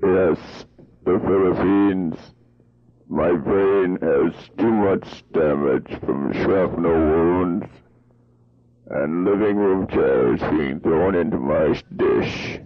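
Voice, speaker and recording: A man playing a pompous, addled old army general who talks in a deep, slow, deadpan monotone full of absurd military bluster. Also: exaggerated voice. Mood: rambling. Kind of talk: 1980s home-made comedy tape. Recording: muffled lo-fi cassette tape.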